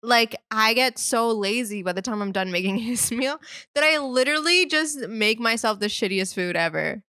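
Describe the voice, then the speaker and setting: A woman's voice: a little high, expressive, normal speed, pushed and bright, clear, resonant tone, no echo, clean studio sound. A young woman co-hosting a podcast in casual chat, chatty and giggly, peppering her talk with "like" and swearing freely. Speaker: podcast co-host.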